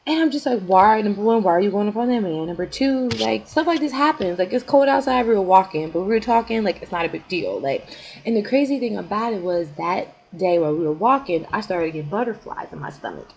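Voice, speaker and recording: A woman's voice: mid-range voice, expressive, a little fast, creaky, darkish tone, a little hiss or hum, rough recording. A young woman vlogger telling a story in a chatty, rambling way, full of "like" fillers. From United States. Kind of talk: casual storytime vlog.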